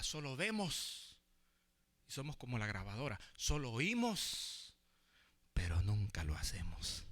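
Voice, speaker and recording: A male pastor preaching a sermon, calling the congregation "hermano", swinging between near-whispered asides and shouted emphasis. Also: mid-range voice, breathy edge.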